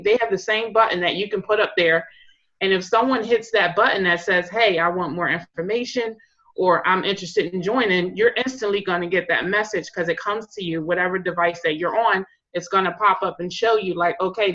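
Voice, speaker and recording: A woman's voice: lowish voice, fairly bright tone, muffled recording. A woman in direct sales casually sharing tips on a group call, rambling with lots of fillers.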